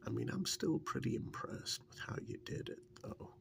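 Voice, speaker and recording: Close to an everyday voice, a man portrays a wry, affectionate partner reminiscing in a gentle, intimate ASMR role-play. He muses haltingly and breathily, often whispering, in a wry, reflective mood.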